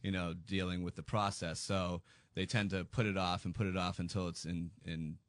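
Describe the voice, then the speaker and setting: A man's voice: low voice, flat delivery, moderate pace, dry recording. A man in his thirties, a business owner and guest on a radio show, answering questions in an easygoing, plain-spoken way. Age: 30s.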